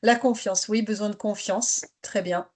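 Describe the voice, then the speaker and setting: A woman's voice: medium pitch, steady tone, a little slow, a little mellow. A woman leading an interactive online workshop for teachers, encouraging participants to share, speaking over a video call. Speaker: teacher trainer leading a webinar.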